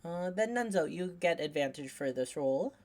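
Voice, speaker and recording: A woman narrating a tabletop game as game master, unhurried and relaxed. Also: sits low.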